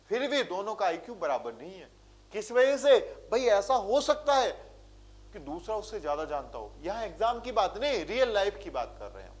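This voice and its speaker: A male teacher with a rural Hindi way of speaking, giving an exam-prep lecture and answering his own rhetorical questions. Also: high voice. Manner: speaks with a village-style way of talking.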